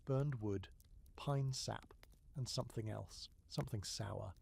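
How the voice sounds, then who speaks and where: A man narrating a calm, scripted bedtime history story in the second person, slow and soft, sometimes sinking to a whisper. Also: on the low side, creaky, a little hiss or hum.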